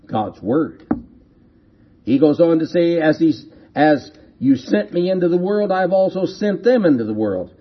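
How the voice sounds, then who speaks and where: A man's voice: on the high side, animated, moderate pace, hardly any pauses, breathy edge, muffled recording. A man preaching a sermon, reading scripture aloud and repeating key phrases with rhetorical questions.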